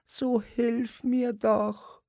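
A man's voice: very high-pitched, flat delivery, very slow, vocal fry, a little mellow, no room sound, studio quality, pitched above the performer's own voice, heavily acted. A man voicing a small, homesick forest gnome puppet who pleads in a trembling little voice. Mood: pleading. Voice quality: small shaky voice.

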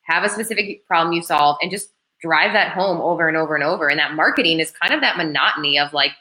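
A woman marketing coach talking as a guest in a casual podcast chat, chatty and animated with lots of "like" fillers. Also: low voice, fast.

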